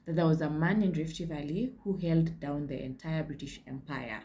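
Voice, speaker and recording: A woman's voice: sits low, normal speed, warm tone, slight background noise. A Kenyan woman hosting a casual history vlog, chatty, with frank asides and slips into Swahili. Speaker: history channel host.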